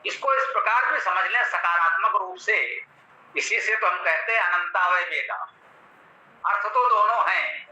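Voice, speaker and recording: A man with a Hindi accent giving a measured, teacherly explanation of a scripture verse, repeating and glossing each term. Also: sits high, bright, forceful tone. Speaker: Vedic scholar explaining a mantra. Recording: roomy, slightly dull recording.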